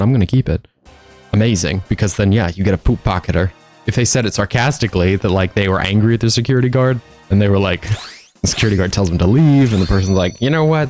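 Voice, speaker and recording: Low-voiced man, chatty gameplay banter. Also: darkish tone. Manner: joking, rambling, chatty. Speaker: streamer. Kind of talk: casual gameplay commentary.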